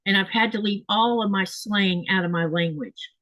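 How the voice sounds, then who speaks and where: Sewing in her home craft room, this Southern-accented host from Florida, US, chats casually and reads comments, wandering off track, fixing her own words and filling pauses constantly. Her pitch is medium, her pace moderate and her tone a bit bright. There's no echo, though the recording quality is low.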